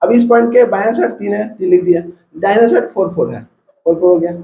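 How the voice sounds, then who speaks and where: Male math tutor with a Bihari Hindi accent, high-pitched, coaching step by step in a roomy space. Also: quick pace, dark tone. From India. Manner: step-by-step coaching, repeats numbers aloud. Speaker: math teacher. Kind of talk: classroom math lesson. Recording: echoey room.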